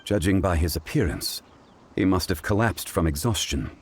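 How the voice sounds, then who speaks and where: A man voicing a calm, grave, learned gentleman in a video game, formal and measured in manner. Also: low voice, very noisy. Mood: calm, concerned.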